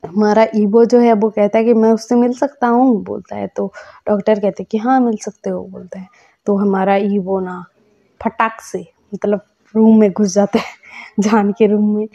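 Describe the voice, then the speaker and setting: A woman casually telling a fan-fiction story in a rambling, halting way, with many fillers, recorded on a phone. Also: mid-range voice, dark tone. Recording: muffled lo-fi audio.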